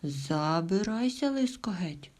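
A woman voicing a big male bear who talks gruffly and boastfully in a storybook tale. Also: fairly low pitch, big pitch swings, takes it slowly, a little mellow.

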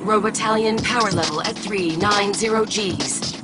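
A woman plays a calm cartoon device computer that reads out battle stats in a level, unhurried announcer tone. Her pitch sits in a plain middle range. Loud background music plays behind her. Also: lightly acted. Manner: flat, even announcer tone reading out power levels. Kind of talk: cartoon dub voice acting.

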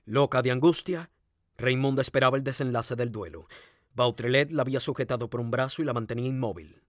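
A man reading a crime novel aloud, narrating in an expressive, dramatic way. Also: mid-range voice, a little fast, no room sound, studio quality. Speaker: audiobook narrator.

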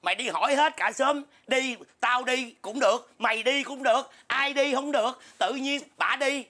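A man's voice: extremely high pitch, sharp tone. A man playing a teasing uncle prankster. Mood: defensive. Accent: Southern Vietnamese. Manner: gruff, scolding, drawn-out teasing. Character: teasing middle-aged uncle, deadpan prankster. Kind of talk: comedy skit acting. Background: music.

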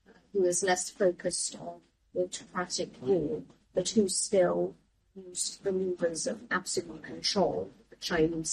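A woman's voice: fairly low pitch, breathy edge, poor audio. A young woman hosting a studio interview, asking long, articulate questions. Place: TV studio, seated in armchair.

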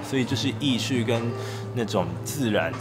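A man's voice: mid-range voice, lively intonation, normal speed. Young male vlogger, Japanese accent in Mandarin, chatty and informal, mid-range voice with music behind. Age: young adult. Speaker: travel and food vlogger. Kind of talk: casual vlog chat.

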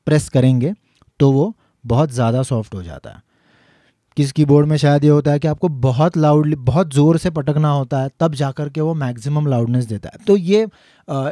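Mellow-voiced man teaching piano. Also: on the high side, no echo, studio quality. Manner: explains step by step, sings note names slowly. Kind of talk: instructional lesson.

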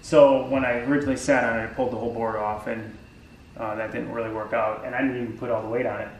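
Quick and level, a mid-range male voice comes through a rough, reverberant recording with slight background noise. It belongs to a tired forty-something DIY vlogger indoors in his garage workshop, rambling through a woodworking build with lots of ums and restarts.

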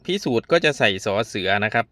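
A man's voice: fast, pushed and bright, no room sound. A male primary school teacher patiently walking young pupils through a workbook exercise step by step. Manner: patient, explains step by step with frequent polite particles. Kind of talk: worksheet lesson for young pupils.

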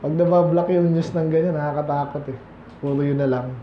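A man's voice: fairly high pitch, steady tone, fairly quick, slight background noise. A man from the Philippines preaching a Sunday afternoon sermon in a conversational way, quizzing his congregation as he goes. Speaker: pastor. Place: church hall. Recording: echoey, slightly dull church audio.

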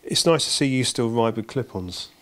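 A man's voice: mid-range voice, lively intonation, moderate pace. A middle-aged English man with a handheld mic, interviewing a mechanic in a workshop, prompting eagerly with tag questions. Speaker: channel host interviewing a mechanic. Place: indoor motorcycle workshop. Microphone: handheld microphone with windscreen.

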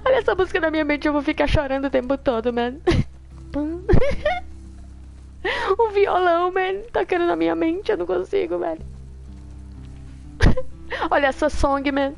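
A young Brazilian woman giving excitable, laughing live commentary as she plays a video game, hushing her viewers in mock drama and mixing in English words. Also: very high-pitched, moderate pace, creaky, long pauses. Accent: Brazilian Portuguese. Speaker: streamer playing a video game. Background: game music playing.

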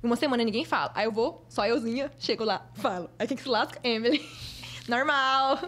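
Fast-talking, high-voiced Brazilian woman. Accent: Brazilian Portuguese. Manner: lively, expressive, acts out other people's voices. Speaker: guest, fashion model. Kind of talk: casual storytelling in a podcast interview.

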